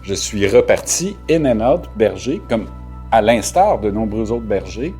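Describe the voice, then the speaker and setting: A man's voice: on the low side, very animated, measured pace, warm tone, soft background music. A man with a Québécois accent, a shepherd and writer telling stories casually with many fillers and restarts. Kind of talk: casual storytelling interview.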